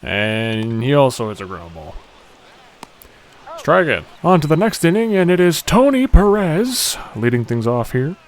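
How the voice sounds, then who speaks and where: A young man giving excitable play-by-play commentary on a video game, shouting on big hits and muttering quieter asides. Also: medium pitch, moderate pace. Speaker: gaming YouTuber.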